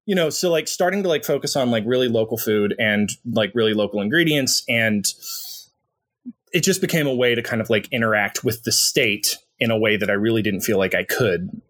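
A man's voice: lowish voice, a little fast, fairly bright tone. A young adult man talking casually about his own life, rambling and restarting his sentences, with lots of fillers. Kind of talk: casual conversation.

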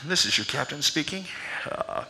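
A man's voice: a little high, expressive, moderate pace, vocal fry, pushed and bright, slight background noise, pitched below the performer's own voice, full character voice, poor audio. A male pastor voicing a laid-back airline captain speaking over the plane's intercom, drawling with hesitant uhs. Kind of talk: sermon.

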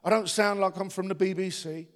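A pastor from London's East End, Cockney in accent, gives a rousing sermon and calls for the congregation's response, with long church reverb around him. His voice is high-pitched and fairly bright, fairly quick, with fairly even intonation.

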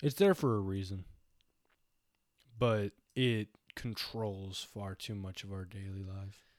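A man's voice: low voice, fairly even intonation, slow, a little mellow, dry recording, studio quality. A young man co-hosting a podcast, musing in casual philosophical chat with a lot of "like" and "you know". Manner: rambling, reflective, heavy use of "like". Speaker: podcast co-host.

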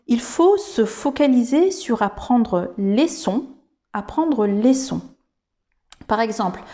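A woman's voice: a little high, mellow. A woman hosting a podcast lesson, speaking thoughtfully with frequent fillers and restarts. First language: French. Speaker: English teacher and podcast host.

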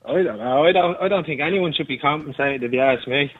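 Male caller, high voice, rapid and defiant, heard over a buzzy phone line that keeps cutting out. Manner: defiant, argumentative, talks over the host. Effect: buzzy phone line that keeps breaking up. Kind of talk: radio phone-in call. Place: on a building site. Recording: tinny glitchy phone line.

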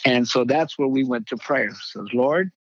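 An older man, a pastor, telling a personal testimony in halting conversational speech, acting out the voices he quotes. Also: medium pitch, no echo, muffled recording. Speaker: pastor, guest.

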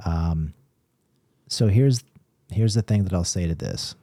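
Low dark-voiced man, measured podcast talk. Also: husky, dry recording, clean studio sound. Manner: measured, explanatory, with filler restarts. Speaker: podcast co-host, paranormal investigator. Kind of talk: casual chat.

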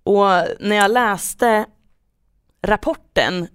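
A woman's voice: mid-range voice, clean tone, no room sound, studio quality. A woman hosting a football podcast, talking casually as she guides listeners through the show. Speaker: podcast host.

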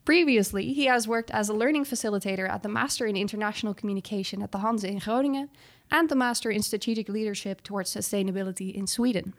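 A woman's voice: mid-range voice, fast. A woman hosting a podcast interview, giving a friendly scripted introduction and asking questions. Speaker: podcast host.

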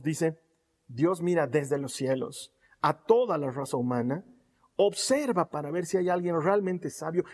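A man preaching a sermon with fervent repetition, often sinking to soft, intimate tones. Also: fairly high pitch, slightly rough. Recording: reverberant hall.

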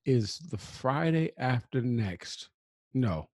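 A man's voice: mid-range voice, expressive, slow pace, darkish tone, no echo, clean studio sound. A man chatting casually as a podcast co-host. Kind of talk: casual chat.

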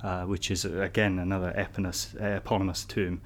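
Chatty low-voiced man. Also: little pitch movement, quick pace, slight background noise. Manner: chatty, asks rhetorical tag questions. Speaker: podcast co-host. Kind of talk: casual educational chat.

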